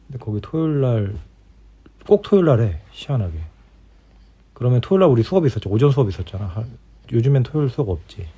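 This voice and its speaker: A middle-aged man chats casually with his spouse at bedtime, rambling and easygoing like a podcast host winding down for the night. His medium-pitched voice is sing-song, fast, mellow, and husky, with long pauses. It's a dull, lo-fi home recording.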